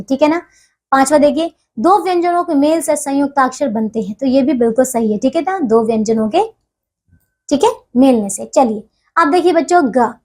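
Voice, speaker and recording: A woman teaching a grammar lesson to young children, talking patiently and checking in with them again and again. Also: high voice. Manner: patient, repeats checks with listeners often.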